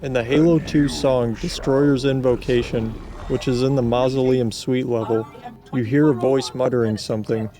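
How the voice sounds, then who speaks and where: A man reading scripted video game narration in a deadpan manner, with casual asides. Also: medium pitch, moderate pace, music in the background.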